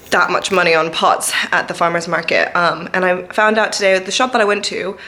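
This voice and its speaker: A woman chats to a handheld vlogging camera while walking through her flat. Her voice sits a bit low and her talk wanders, full of little fillers and restarts. It sounds like a relaxed home tour. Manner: chatty, rambling, many fillers. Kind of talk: casual home tour vlog. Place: flat, indoors.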